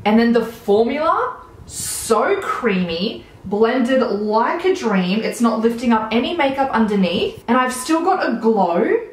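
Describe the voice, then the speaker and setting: A beauty vlogger in her thirties with an Australian accent cheerfully comments on products during an at-home makeup tutorial in a small indoor room. Her voice sits a little high, swinging widely in pitch at an unhurried pace, on a roomy, low-quality recording.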